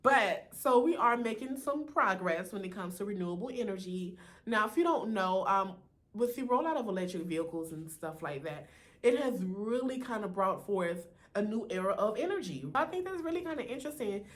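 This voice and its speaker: A woman's voice: medium pitch, lively intonation, moderate pace. An American woman with a slight lisp from braces, chatting casually to her viewers as a sassy, talkative video host. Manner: sassy and chatty, peppered with "honey", "you know" and "right?".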